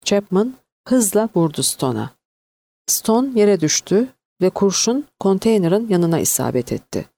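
A woman narrating an audiobook in an expressive, varied reading. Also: medium pitch, measured pace, vocal fry, dry recording.

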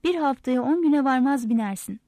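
A woman voicing a stern, worried older father who shouts orders at his son in a read-aloud story. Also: high-pitched, normal speed, dry recording, clean studio sound. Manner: shouting commands.

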